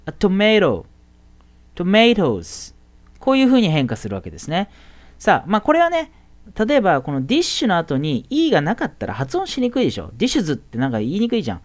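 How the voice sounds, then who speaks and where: A woman teaching a casual English grammar lesson to middle school students. She chats in a friendly way and draws out the English example words slowly. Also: fairly low pitch, huge pitch swings.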